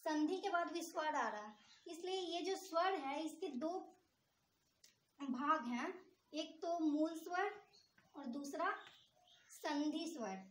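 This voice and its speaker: High-voiced woman teaching in an echoey room. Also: animated, takes it slowly, pauses often. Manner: asks the class questions and answers them herself. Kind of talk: explanatory grammar lesson.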